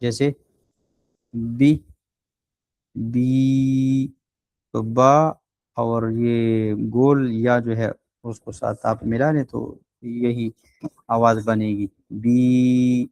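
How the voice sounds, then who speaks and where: A man teaching a Quran recitation class online. He explains patiently, fills pauses with drawn-out sounds, and models short vowel sounds slowly and deliberately. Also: mid-range voice, flat delivery, gravelly, a little mellow, no echo.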